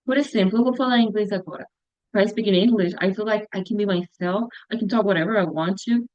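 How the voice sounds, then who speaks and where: A young woman talking slowly and hesitantly in a casual vlog about her upcoming mission, often stopping to search for words and restarting her sentences. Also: medium pitch, darkish tone, dry recording. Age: young adult. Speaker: future missionary practicing a language. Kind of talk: casual reflective vlog monologue. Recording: dull, dry lo-fi recording.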